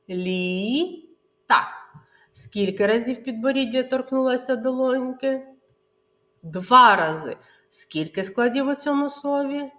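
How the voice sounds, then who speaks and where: Woman kindergarten teacher, unhurried, animated pitch, sing-song syllables for little kids. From Ukraine. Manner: slow, sing-song syllable-by-syllable pronunciation for small children. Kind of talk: literacy lesson for young children.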